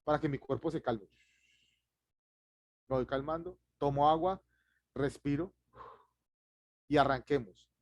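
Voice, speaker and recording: A man, giving an online public speaking class, who talks fast and lively and chuckles at himself. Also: a little high, no echo.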